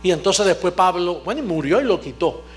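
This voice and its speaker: Male TV preacher, very high voice, emphatic call-and-answer sermon style, faint music underneath. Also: lively intonation, fairly quick. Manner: emphatic, asks the audience questions and answers them; swings from low asides to shouting. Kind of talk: televised sermon.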